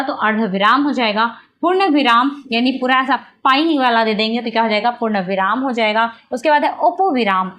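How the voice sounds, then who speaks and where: A woman's voice: high-pitched, fairly bright tone. A woman teaching a Hindi grammar lesson, who repeats her points and asks herself questions before she answers them.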